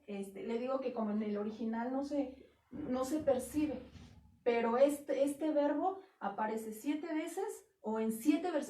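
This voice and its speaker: High-pitched woman preaching in an echoey church. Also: mellow. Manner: earnest, emphatic teaching, quotes scripture aloud. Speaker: pastor. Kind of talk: sermon. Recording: echoey church hall, heard from a distance.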